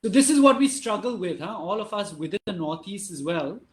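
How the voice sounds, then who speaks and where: Earnest man, high voice. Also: animated, a little fast, roomy sound. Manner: earnest, reassuring, laughs easily. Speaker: film director, guest. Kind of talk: casual interview.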